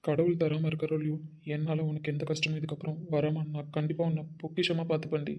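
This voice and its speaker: A man's voice: a little high, monotone, quick pace, dull audio, natural voice. A man playing a remorseful young husband who speaks earnestly and apologetically in an amateur audio drama. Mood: remorseful, tender.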